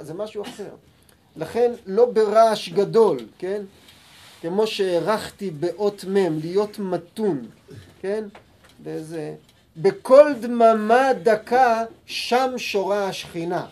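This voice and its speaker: A man giving a Torah lesson, who reads sources slowly and calmly and acts out heated arguments in sudden loud bursts. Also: high voice. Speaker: Torah teacher.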